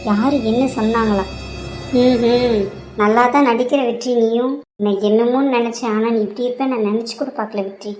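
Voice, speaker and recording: A fiercely protective cartoon mother, voiced by a woman, high and sharp-tongued. She accuses and demands answers, her voice forceful and unrelenting. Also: steady tone, fairly quick, soft background music, lightly acted. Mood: angry. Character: middle-aged mother, fiercely defending her daughter.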